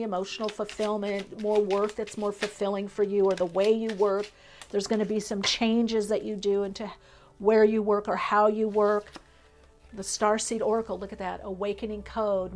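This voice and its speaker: A woman giving a tarot reading for viewers, her voice sitting in an ordinary middle register. She talks in a flowing, spiritual way, running through long lists with small fillers. Light music plays faintly under her. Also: mid-range voice. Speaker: tarot reader.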